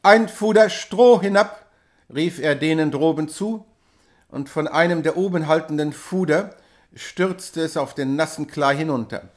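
A man reading a classic novella aloud in a measured, dramatic storytelling manner. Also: fairly high pitch. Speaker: audiobook reader. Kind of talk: literary reading.

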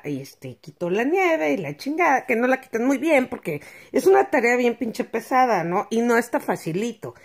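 A woman from Mexico City with a Mexico City Spanish accent, telling a story in a slangy, crude and humorous vlog from her bed at home. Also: medium pitch. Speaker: vlogger.

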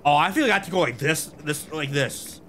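A man streaming a game live, chatting excitably with viewers and laughing often. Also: a little high, a little fast, a little hiss or hum.

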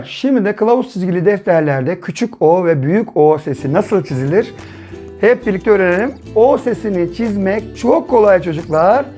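Brief male primary teacher, patient question-and-answer lesson for small kids, soft music behind. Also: high voice. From Turkey. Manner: patient, asks and answers his own questions. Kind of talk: children's literacy lesson.

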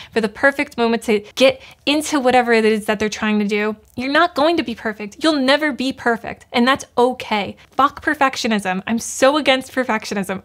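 A woman's voice: a little high, a bit bright. A young woman giving a blunt, fired-up motivational talk to camera, swearing freely. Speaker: YouTuber giving motivational advice.

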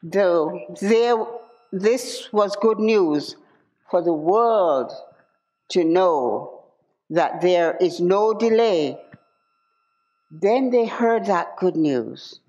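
A woman preacher delivers her sermon in a slow, unhurried cadence and a somewhat low voice. She leans on repetition and asks her listeners direct questions. The live church recording sounds dull and lo-fi. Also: expressive, mellow. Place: church service.

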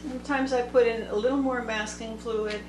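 A woman teaching watercolor, thinking aloud slowly as she paints at a table. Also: on the high side, fairly even intonation, noisy background. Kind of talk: unscripted painting tutorial narration. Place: indoor table workspace. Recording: echoey room with background music. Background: soft instrumental music.

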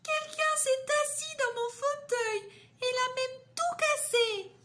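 A woman doing a squeaky little bear cub. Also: takes it slowly, sharp tone, echoey room, a little hiss or hum, heavily acted. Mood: indignant. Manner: high squeaky cries. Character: tiny male bear cub, upset.

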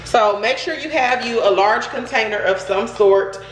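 Brief: excitable, nervous woman narrating a kitchen demo, phone mic, roomy echo, faint hiss. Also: a little high, moderate pace. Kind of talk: casual home how-to chat. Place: home kitchen. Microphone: handheld phone camera. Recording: echoey kitchen, faint noise.

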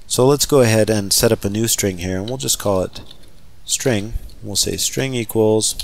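A man with a somewhat low voice leads a recorded software tutorial. He talks in a relaxed, conversational way, pausing with fillers as he types and explains each step at his computer. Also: gravelly, a little hiss or hum. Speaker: software trainer. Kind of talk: screen-recorded coding tutorial.

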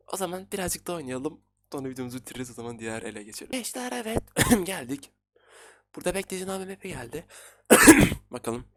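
A man in his twenties giving excitable, casual commentary while playing a game, talking to his viewers. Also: fairly high pitch, dry recording. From Turkey. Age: 20s. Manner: excitable, talks to viewers while playing, frequent laughs and repeated words. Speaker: gaming YouTuber.

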